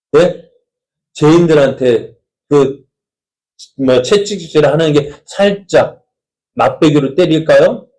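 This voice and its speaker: Mellow-voiced pastor asking questions, man. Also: medium pitch, poor audio. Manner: conversational preaching, asks the congregation many rhetorical questions. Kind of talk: sermon.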